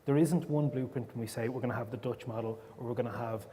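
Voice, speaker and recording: A man's voice: medium pitch, steady tone, fast. Emphatic Irish man in a hall. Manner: emphatic, forceful argument. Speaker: panelist. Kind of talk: panel discussion. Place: event hall. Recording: long hall reverb, faint noise.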